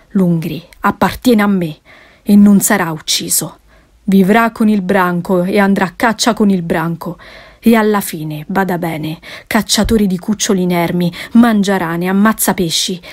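A woman voicing a fierce, protective mother wolf, speaking slowly and emphatically. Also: mid-range voice, close to an everyday voice.

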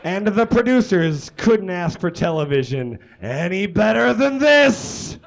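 High-pitched and gravelly, his sing-song voice moves at a measured pace as the young man reads a story in broad, theatrical comic fashion. The setting is again a small indoor stage with curtains and brick.

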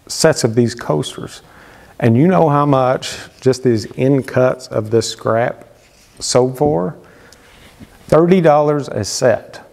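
This woodworking channel host, a man in his thirties, offers relaxed, conversational tips straight to camera from his wood-paneled home workshop, often using fillers and moving his hands as he talks. His voice sits at medium pitch with a darkish tone and some vocal fry. The indoor workshop gives the audio a long reverb.

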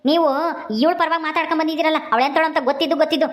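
A woman's voice: high-pitched, little pitch movement, rapid-fire, close to an everyday voice. A woman voicing a stubborn young village man who talks sharply and dismissively.

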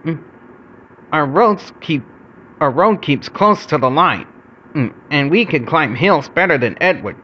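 A man voicing a calm male bus driver in a children's storybook reading, measured and reassuring with thoughtful hums. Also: a little high, dull audio, slight background noise. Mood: steady.

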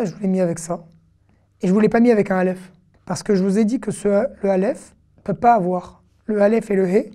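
Teaching reading online, this Hebrew teacher slowly and patiently goes over syllables again and again. Her voice is dark and mid-range, and casual fillers slip into her speech.

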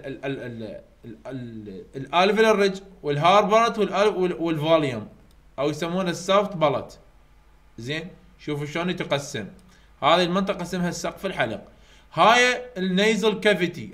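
A man with an Iraqi Arabic accent giving an online university lecture, repeating key points slowly to drill his students. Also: fairly high pitch, a bit bright. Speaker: university English tutor. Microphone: computer mic over weak internet.

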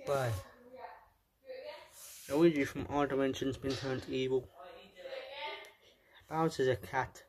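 A fan movie creator voicing every character in an amateur fan film, switching voices and jumping up into squeaky highs. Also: fairly even intonation, takes it slowly, pauses often, darkish tone, a little hiss or hum.

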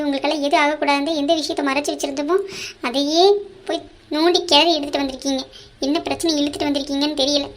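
A woman voicing a stern middle-aged mother in a cartoon, scolding her grown children in a quick, reproachful way. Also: high voice, a little hiss or hum, close to an everyday voice. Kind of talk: cartoon voice acting.

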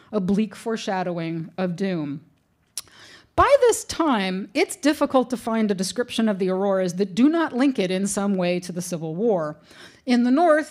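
A middle-aged woman with a voice on the high side reads a prepared lecture from her notes at a lectern, adding dry, humorous asides. She speaks into the lectern microphone in a wood-paneled room.

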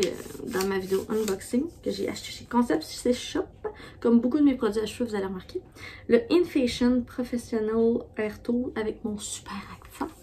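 A Québécois woman, a beauty vlogger, rambles chattily through her favourite hair and skin products in a casual review, full of fillers and restarts. Her pitch sits in an ordinary middle range and her tone is dark. A faint hiss of noise runs underneath.

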